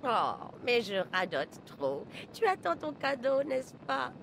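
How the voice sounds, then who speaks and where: Old woman, game character, rambling, doting, animated pitch. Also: slow pace, gravelly, noisy background, full character voice. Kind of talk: French video game dub.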